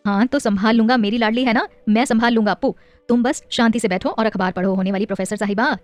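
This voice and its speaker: A woman voicing a playful, doting young husband and father in an audio story, speaking gently and coaxingly. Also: a little high, fast talker, no echo, faint music behind, close to an everyday voice. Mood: loving.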